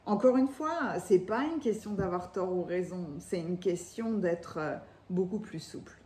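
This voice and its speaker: A woman's voice: fairly low pitch, unhurried, mellow. A woman with a lisp on her s sounds gives a chatty, enthusiastic tarot reading, speaking off the cuff. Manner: enthusiastic, exclamatory. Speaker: tarot card reader. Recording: echoey room.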